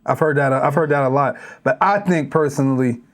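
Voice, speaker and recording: A guest rapper from Pittsburgh, with a Pittsburgh accent, chats on a casual podcast in a brisk, medium-pitched voice. He is an animated storyteller who mimics the way people in other cities talk.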